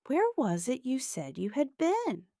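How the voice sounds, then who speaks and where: A woman reading as a friendly police sergeant who coaxes and reassures. He speaks slowly and kindly, with a slightly gravelly, lively voice. The sound is dry and close. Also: high-pitched, no room sound, voice pushed up, full character voice. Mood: coaxing. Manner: kind, coaxing. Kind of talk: storybook reading.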